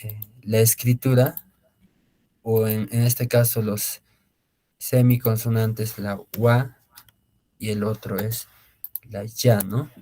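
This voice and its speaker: A man teaching a beginner Quechua class online, explaining slowly with many fillers, repeated words and tag questions. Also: on the low side, little pitch movement, dark tone.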